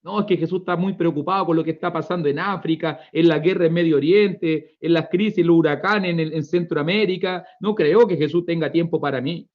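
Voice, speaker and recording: A man in his thirties from Chile preaching a fervent sermon as pastor, swinging between quiet storytelling and loud emotional climaxes. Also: on the high side, a little fast, few pauses. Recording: dull lo-fi recording.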